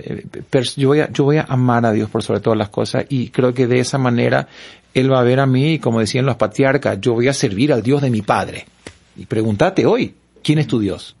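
A pastor from Paraguay telling stories and preaching earnestly, repeating words for emphasis. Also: male voice, mid-range voice, vocal fry, darkish tone, breathy edge. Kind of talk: preaching-style storytelling in a panel talk.

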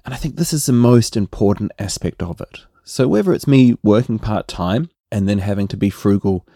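A middle-aged man with a New Zealand accent, hosting a relaxed solo podcast and often tagging his points with "right?". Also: on the low side, normal speed, creaky, dry recording, clean studio sound. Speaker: podcast host.

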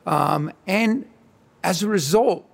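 A man hosting an interview, asking questions in a measured, hesitant way with many ums and uhs. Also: high-pitched, vocal fry. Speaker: podcast host. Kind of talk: conversational interview.

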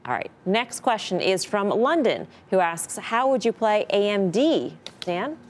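A woman hosting a financial television show, moving the panel along at a brisk clip. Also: medium pitch, very animated. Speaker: show host.

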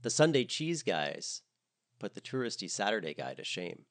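Man doing a grumpy blunt woman, dry, curt, storybook, lively rise and fall. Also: lowish voice, normal speed, vocal fry. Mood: brisk. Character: blunt, grumpy middle-aged woman host.

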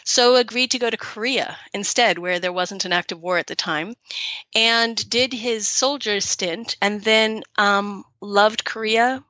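A middle-aged woman with an American accent talks earnestly and with emphasis, often restarting her sentences. Her voice is bright and tense. The recording is dry and a little dull. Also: mid-range voice, measured pace, no echo. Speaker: guest, activist. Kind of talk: interview conversation.

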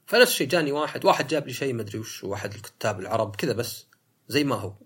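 A man's voice: medium pitch, animated, very fast, fairly bright tone, slightly rough. A man hosting a solo talk podcast, arguing his point and mimicking other people's lines. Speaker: podcast host.

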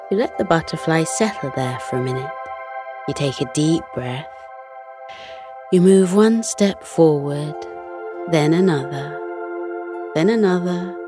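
A woman gently narrating a children's bedtime meditation and story in a soothing, coaxing, unhurried way. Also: low voice.

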